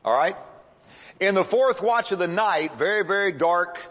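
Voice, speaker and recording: Male pastor, higher pitch, dramatic preaching with long pauses; reverberant church hall. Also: lively intonation, fairly bright tone. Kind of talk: sermon.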